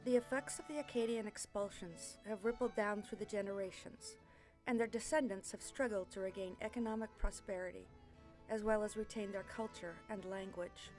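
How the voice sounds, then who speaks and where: A woman reading scripted documentary narration in a measured, informative way. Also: medium pitch, fairly even intonation, a little mellow, soft background music. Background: musical instruments.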